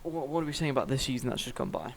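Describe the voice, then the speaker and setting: A young man in casual chat about video games, blunt and quick to swear. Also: medium pitch, animated, vocal fry. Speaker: gaming YouTuber. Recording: faint noise with clicks.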